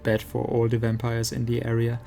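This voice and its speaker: A man giving casual gameplay commentary as a streamer, halting as he thinks aloud. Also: medium pitch, completely flat delivery, creaky, dark tone. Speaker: game streamer. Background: game music.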